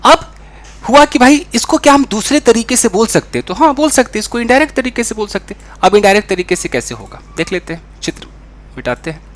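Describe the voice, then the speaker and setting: A young man teaching a spoken English lesson in an animated way, acting out the dialogue he explains. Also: extremely high pitch, quick pace. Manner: animated, acts out quoted dialogue.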